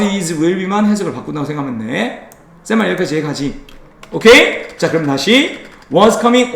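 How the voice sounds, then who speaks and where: Lively, high-voiced, teasing male teacher. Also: roomy sound. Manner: playful teasing, drilling students with quick questions. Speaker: English teacher. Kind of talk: classroom lecture.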